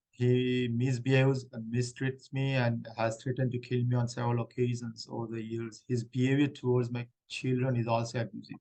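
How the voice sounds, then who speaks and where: A man playing a middle-aged woman refugee claimant in a mock hearing role-play, answering haltingly with many restarts. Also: medium pitch, a little mellow, natural voice, rough recording.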